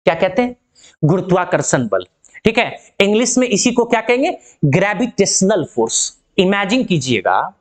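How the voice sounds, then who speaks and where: A woman teaching physics in an online lesson. She asks the class rhetorical questions, keeps checking that they follow, and calls them by fond names. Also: mid-range voice. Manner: addresses students affectionately.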